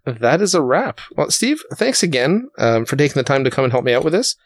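A man's voice: medium pitch, big pitch swings, fairly quick, no room sound. A man hosting a casual podcast, talking in a rambling way with fillers and restarts. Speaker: podcast host.

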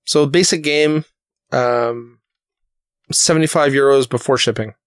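A man's voice: mid-range voice, fairly even intonation, a little slow, clean tone, no room sound. A man hosting a casual podcast, talking in a rambling way with fillers and restarts. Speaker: podcast host.

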